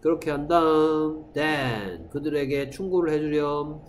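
A male English teacher, giving a classroom lecture and drilling English phrases slowly. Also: on the high side, slight background noise, low-quality recording. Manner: drills phrases slowly, acts out loud quarrels with students.

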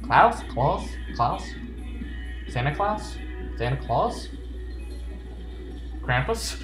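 A gamer provides playful, joking let's play commentary, reading on-screen text aloud in a high-ish, very animated voice at an extremely slow pace. The recording has a roomy echo with game music in the background.

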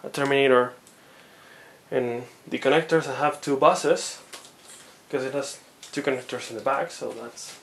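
A man's voice: mid-range voice, normal speed, gravelly, long pauses, a little hiss or hum. A man vlogging a hardware teardown, rambling as he thinks aloud and often sounding amazed. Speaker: tech hobbyist vlogger. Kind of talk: unboxing and teardown narration.

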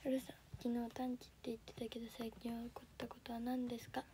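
A teenage girl with a Kansai accent, livestreaming for an audition and politely answering viewer comments in a soft, often half-whispered voice. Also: fairly high pitch, completely flat delivery, fast, noisy background. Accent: Kansai Japanese. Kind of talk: casual livestream chat reading viewer comments. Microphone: phone camera.

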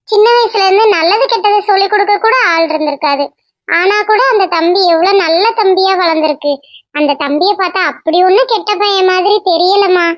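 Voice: very high voice, a bit bright, dry recording. A voice actor playing a kind, motherly older village woman in a Tamil cartoon, soothing and advising with a Tamil accent. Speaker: cartoon character. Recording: dull lo-fi dry voice track.

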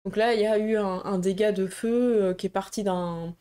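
Woman host, relaxed chat to camera, warm mellow voice, talks in fits and starts. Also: mid-range voice, normal speed, smooth. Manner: hesitant, many fillers and restarts. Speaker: tabletop roleplaying game YouTuber. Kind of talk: casual show-and-tell chat.

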